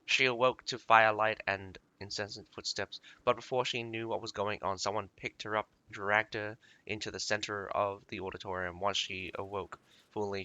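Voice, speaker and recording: A man reading a game's lore aloud, breaking off often to comment in a halting, casual way with many fillers. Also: lowish voice, sharp tone. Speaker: lore reader and streamer.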